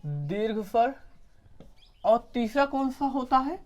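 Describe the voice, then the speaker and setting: A man's voice: extremely high pitch, big pitch swings, slow pace. A male teacher giving an exam coaching lesson, asking questions and answering them himself and correcting his own slips.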